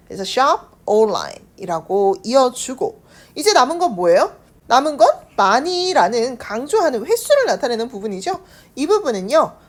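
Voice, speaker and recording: A woman teaching English in a scripted online lesson, with a Korean accent. She explains slowly and carefully and draws out the model sentences. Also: sits high.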